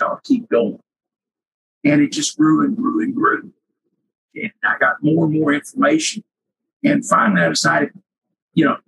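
An older man with a cracking, husky voice and sinus trouble, reminiscing casually and haltingly as an interview guest. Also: a little high, bright, forceful tone, low-quality recording. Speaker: interview guest, retired researcher.

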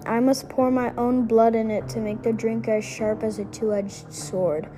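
A woman's voice: fairly high pitch, flat delivery, warm tone, faint music behind, natural voice, poor audio. Woman reading as a cruel sea witch. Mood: menacing. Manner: halting, rereads stumbled words. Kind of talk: reading a fairy tale aloud.

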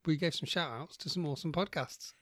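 A man's voice: a little high, quick pace, a bit bright, no echo. Sex: man. Role: podcast host. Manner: easygoing, rambling banter. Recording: dry, close.

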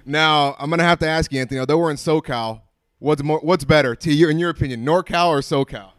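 A man's voice: on the high side, quick pace, fairly bright tone. A man hosting a sports podcast, chatting and asking questions in a slangy, chummy, casual way. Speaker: sports podcast host and interviewer.

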